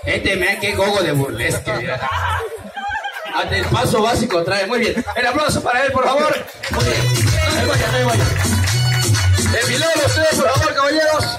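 A man's voice: very high-pitched, lively intonation, normal speed, long pauses. A man hosting a comic street show as a silly clown, teasing and hyping the audience. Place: outdoor town plaza by a bandstand at night. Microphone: far camera. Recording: outdoor crowd noise, loud music, distant echoey mic. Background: loud music and crowd.

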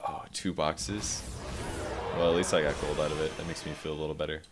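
A man's voice: extremely low pitch, flat delivery, a little fast, over loud music. A man casually commenting on his own card game play as a streamer, self-deprecating and swearing freely.

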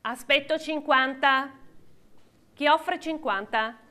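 Female auctioneer, middle-aged, very high voice, repetitive bid-calling and countdowns at a live auction. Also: slow, sharp tone. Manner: auctioneer's chant, repeating bids and counting down. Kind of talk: live auctioneering of classic cars. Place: large auction hall with seated audience.

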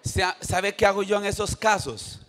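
An older man preaching a sermon in a church, animated, with sudden shouts and call-and-response to the congregation. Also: high voice, moderate pace. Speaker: pastor.

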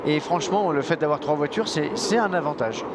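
A man's voice: fairly high pitch, fairly quick. A man co-commentating live motorsport as an analyst, repeating words for emphasis. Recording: very loud engine and track noise. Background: outdoor race cars and track ambience.

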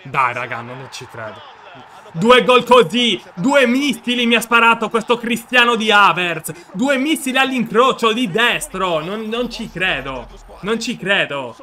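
A man giving excited live commentary on his own football video game match, shouting and repeating himself in disbelief. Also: high-pitched, a little slow. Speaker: gaming video creator.

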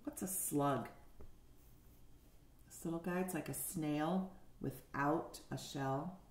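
A deep-voiced woman around her forties speaks slowly as she reads a picture book to young listeners, asking them questions along the way. She's a kindergarten teacher recording indoors in her living room on a webcam, which gives a roomy echo.

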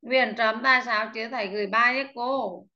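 A woman teaching an online English class who patiently drills vocabulary pronunciation, repeats each word slowly and calls on students by name, heard over slightly muffled call audio. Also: on the high side, fairly even intonation, pushed and bright. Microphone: video call.

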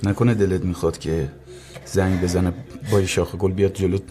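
An actor playing a brusque, teasing brother and uncle. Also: male voice, deep voice, flat delivery, mellow, close to an everyday voice.

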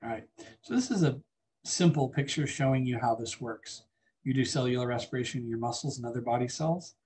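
With a mid-range, darkish voice and a slightly fast delivery, a man teaches a biology lecture in a classroom. He chats with the class and asks the students questions.

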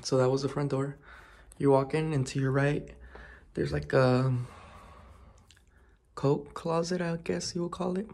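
A man's voice: on the high side, fairly even intonation, measured pace, creaky, long pauses, a little mellow. A young man in his twenties giving a chatty, filler-heavy house tour as a vlogger, recorded on a handheld phone camera. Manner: loose and chatty, full of fillers. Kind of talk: casual house tour vlog. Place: indoors at home. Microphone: phone held in hand.

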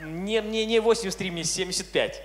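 A man's voice: sits high, brisk, fairly bright tone. A man interpreting a sermon line by line on stage with a handheld mic in a large church hall, echoing the preacher's fervor with occasional hesitant fillers. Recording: long reverb of a large hall.

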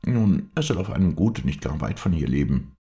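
A man's voice: rumbling low, big pitch swings, normal speed, warm tone, voice pushed up, exaggerated voice. A man reading aloud, lifting his voice to play a tactful lady visitor who speaks soothingly.

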